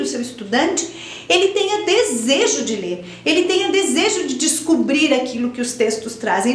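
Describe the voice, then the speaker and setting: A woman's voice: high voice, reverberant. A woman giving step-by-step advice to teachers, explaining patiently and asking rhetorical questions. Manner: explanatory, repeats points, asks rhetorical questions. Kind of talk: instructional talk to teachers.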